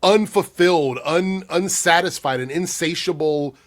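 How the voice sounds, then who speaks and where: Guy w a cold, kinda breathy, casual youtube q&a talk, thinks out loud. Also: on the high side, measured pace. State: under the weather with a cold. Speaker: YouTube commentator. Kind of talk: casual talk answering viewer comments.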